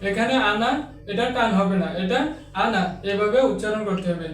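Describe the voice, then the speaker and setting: A man teaching an online Quran reading lesson, explaining each rule and then chanting Arabic examples in a slow, drawn-out recitation. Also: sits high, fairly bright tone, distant mic, faint music behind. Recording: echoey, off-mic room sound.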